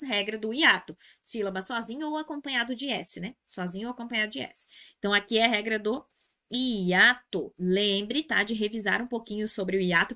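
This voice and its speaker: A Brazilian woman teaching an exam review class in a bright, fairly high voice. She walks through each answer step by step and repeats the key terms. She keeps calling out to her students as she goes. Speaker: Portuguese language teacher.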